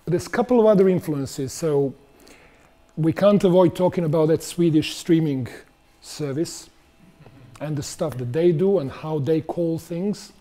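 A man's voice: on the high side, a little slow, warm tone. A middle-aged man giving a conversational conference talk on stage in a large auditorium, putting questions to the audience. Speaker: conference speaker.

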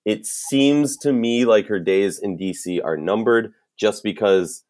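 A man with a Minnesotan accent talks over a casual sports podcast. His voice sits on the low side. He thinks out loud, circling back through restarts and fillers before he lands his point. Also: measured pace. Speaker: podcast co-host.

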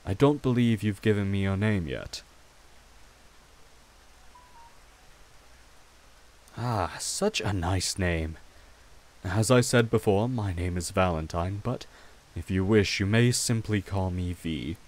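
Speaking a little slowly in a low voice, a man voices a vampire king, courtly and protective, for an ASMR roleplay. His tone is courteous and welcoming as he reassures the listener formally, with gentle wryness and no hurry.

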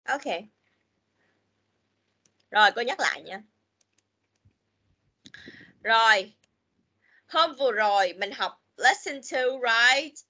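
Casting: woman, children's teacher on a video call, bright, slightly high voice, chatty. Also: expressive, takes it slowly, pauses often. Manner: chatty, repeats "rồi", mixes English words into Vietnamese. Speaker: English teacher. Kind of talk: online class teaching children.

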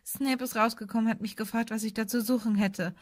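A woman's voice: fairly high pitch, steady tone, fairly quick, dry recording, clean studio sound, natural voice. A woman voicing an earnest, worried schoolgirl who speaks anxiously. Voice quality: anxious, apologetic.

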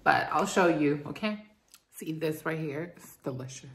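A young woman in her twenties vlogs casually to a phone held at arm's length, peppering her talk with "like" and "um." She starts in her home kitchen and later moves out to a rooftop terrace, her low, expressive voice at a normal pace amid ambient background noise.

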